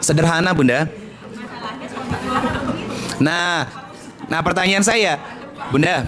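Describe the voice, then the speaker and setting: Male preacher in his thirties, soft-spoken yet lively, slightly high voice, faint hum behind. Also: slow, crowd noise. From Indonesia, Minangkabau family. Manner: soft-spoken, lively, questioning listeners directly. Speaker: Islamic preacher. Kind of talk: sermon to women.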